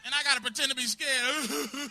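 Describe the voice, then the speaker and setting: A man doing a crude, confrontational stand-up set in a comedy club, bursting into shouts at hecklers. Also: very high voice, steady tone, normal speed, gravelly.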